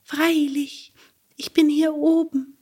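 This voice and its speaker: A woman voicing a small, wise cricket in a storybook reading, with a thin, whispery high voice. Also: flat delivery, slow pace, darkish tone. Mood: reproachful. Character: small wise cricket, stern but kind.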